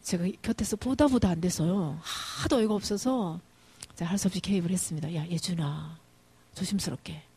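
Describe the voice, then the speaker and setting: Brief: female church speaker, husky, animated anecdotal sermon. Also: medium pitch, a little fast, dry recording. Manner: lively storytelling, humorous family anecdotes. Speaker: guest speaker at women's mission devotion service.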